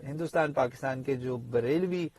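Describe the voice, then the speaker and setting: A man giving a spoken tajweed lesson in an explanatory way, pausing often on fillers and asides. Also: mid-range voice, darkish tone, no echo. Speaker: Quran teacher and imam.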